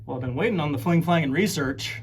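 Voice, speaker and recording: A man's voice: on the high side, fast, slight background noise, natural voice. A young man acting as a student designer in a class skit, speaking in a pointed, impatient way. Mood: irritated. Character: young male student designer frustrated by teammates.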